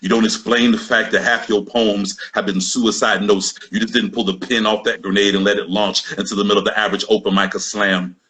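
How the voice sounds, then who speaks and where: Male slam poet, bright edge, intense rhythmic delivery. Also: lowish voice, level tone, brisk, few pauses. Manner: intense, rhythmic spoken word. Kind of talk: slam poetry performance.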